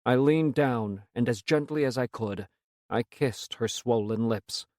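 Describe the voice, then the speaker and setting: A man reading a first-person science fiction story as an audiobook narrator in a measured, steady way. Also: mid-range voice, no room sound, clean studio sound.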